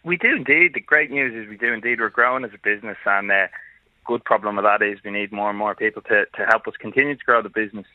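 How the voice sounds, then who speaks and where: A man's voice: fairly low pitch, fast talker, no echo. A man calling in to a radio show as a business co-founder, upbeat, with many ums and restarts. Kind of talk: radio call-in chat. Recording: tinny phone line.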